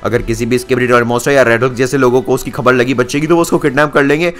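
A man's voice: medium pitch, steady tone, fast talker, a bit bright. A man narrating a game video as a channel host, chatting to his viewers. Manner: chatty, addresses viewers as guys.

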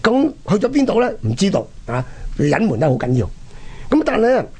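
Telling historical stories with huge pitch swings, a man with a Hong Kong accent hosts a radio programme, speaking colloquially and posing rhetorical questions. His high voice moves fairly quickly, with a darkish tone and breathy edge.

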